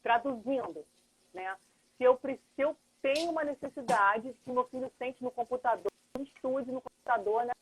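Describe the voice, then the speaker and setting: A woman's voice: fairly high pitch, normal speed, a little hiss or hum. A middle-aged woman, a lawyer and mediator explaining things earnestly as a guest in a live chat, thinking aloud. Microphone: phone or computer on a video call. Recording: tinny phone-like livestream audio.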